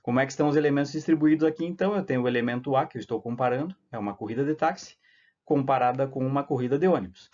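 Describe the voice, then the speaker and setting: A man's voice: medium pitch, rapid-fire, a little mellow. A man with a Brazilian Portuguese accent teaching an English grammar lesson over slides, explaining step by step and checking in with short tag questions. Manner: explains step by step, many "tá?" and "né?" tags. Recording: slightly dull lo-fi audio.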